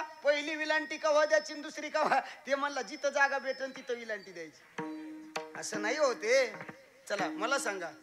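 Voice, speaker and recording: A man giving a humorous devotional kirtan sermon, asking his listeners questions as he teaches. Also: very high voice. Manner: lively teacherly, asks audience questions often; humorous, playful asides. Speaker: kirtan preacher.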